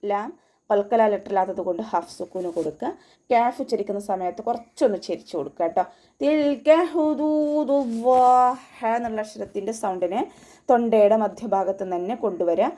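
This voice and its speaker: In an online class, a woman leads recitation in a mid-range, mellow voice. She goes through every sound patiently, one step at a time, with slow, chanted delivery.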